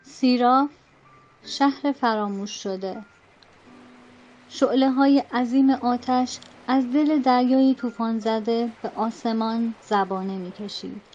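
A woman narrating a novel as an audiobook in a measured, dramatic storytelling manner. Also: a little high, a little mellow, lo-fi sound. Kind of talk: scripted narration.

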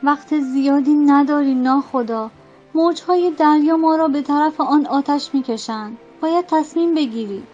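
A woman's voice: on the high side, steady tone, few pauses, muffled recording, faint music behind, close to an everyday voice. A woman voicing a desperate male head sailor who pleads urgently with his captain. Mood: pleading.

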